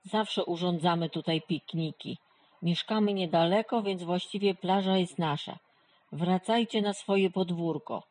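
A woman's voice: on the low side, unhurried. A woman voicing a grumpy, stubborn father beaver in a children's storybook. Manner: gruff, loud.

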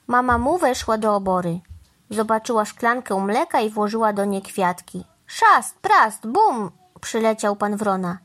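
A woman reading a children's story aloud in an animated, expressive way. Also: mid-range voice, moderate pace.

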